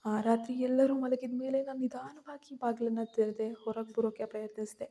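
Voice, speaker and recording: Female storyteller, tense and fearful first-person narration, soft dark tone. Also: a little high, fairly even intonation, a little fast.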